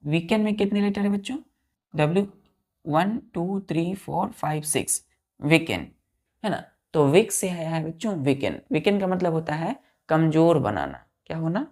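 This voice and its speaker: Male vocab teacher, gravelly tone, spells and counts aloud, repeats words slowly. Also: on the high side, lively intonation, darkish tone. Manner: spells words letter by letter and counts aloud, often addressing the students; repeats key words slowly with drawn-out pronunciation. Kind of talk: vocabulary lesson.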